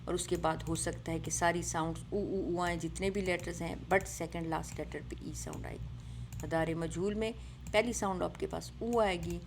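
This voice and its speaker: A woman's voice: on the low side, steady tone, vocal fry, slight background noise. A woman teaching an Arabic grammar lesson, explaining patiently, mixing in English words and often checking with "right?".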